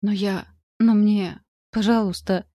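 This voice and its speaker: Woman putting on a husky, insolent ghost girl. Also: medium pitch, steady tone, slow, mellow, no echo, clean studio sound, lightly acted. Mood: sobbing. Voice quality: slightly husky. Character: insolent young goth girl ghost, tearful and frightened.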